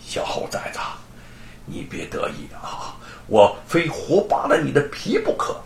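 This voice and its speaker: A man's voice: fairly high pitch, big pitch swings, measured pace, reverberant. A man voicing a scheming, jealous country squire who pleads and hisses threats in a storytelling recording. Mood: hissing.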